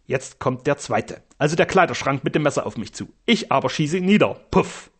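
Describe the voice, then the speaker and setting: A blustering old castle steward, proud of imagined heroics, as a male narrator puts him on. He talks in a raised, swooping voice with a husky edge. It is a storybook reading. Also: fairly high pitch, lively intonation, a little fast, fairly bright tone. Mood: boastful. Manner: pompous, theatrical bluster.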